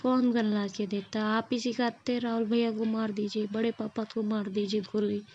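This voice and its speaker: A woman voicing a cheeky young wife with quick, sharp retorts in a story reading. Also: fairly high pitch, little pitch movement, muffled recording.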